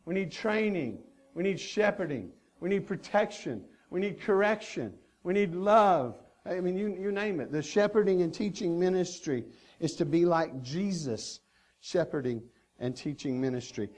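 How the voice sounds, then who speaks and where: Earnest preaching man, slightly high voice. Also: a little mellow. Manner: earnest preaching with emphatic repetition. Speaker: pastor. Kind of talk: sermon.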